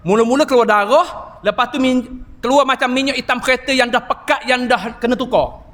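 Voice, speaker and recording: A preacher delivers an evening sermon in a large mosque. He tells stories with animated emphasis and exclamations. His voice is unusually high, and it rings with a long hall echo through the PA. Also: a little fast. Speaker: Islamic preacher and healer.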